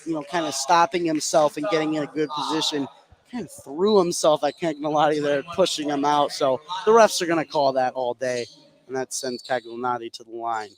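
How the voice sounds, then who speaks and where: An American man with a slightly high voice delivers brisk, conversational color commentary during a live basketball broadcast, explaining the action informally. Crowd noise and light gymnasium ambience fill the background of this low-quality recording.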